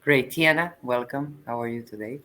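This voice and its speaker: A woman's voice: extremely low pitch, a bit bright, slight background noise, low-quality recording. Woman hosting an online meetup. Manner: halting, many fillers and restarts. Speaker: meetup host. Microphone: video call.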